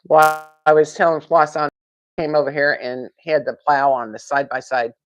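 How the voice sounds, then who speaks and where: A woman's voice: deep voice, level tone, normal speed. A woman hosting a casual live stream from home, rambling, laughing and answering viewer comments.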